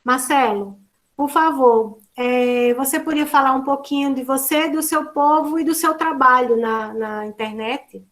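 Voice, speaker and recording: A woman with a high voice leads an online seminar over a video call. She explains patiently and at length. She keeps checking in with tag questions and restarts her phrases as she goes. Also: measured pace, a bit bright. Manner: explanatory, with frequent "né" tags and restarts. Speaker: seminar facilitator and lecturer.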